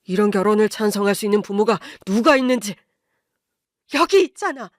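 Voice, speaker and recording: A woman voicing a strong-willed middle-aged wife, insistent and emotional, in a higher voice and a dry recording. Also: lively intonation, fairly quick, no room sound, lightly acted.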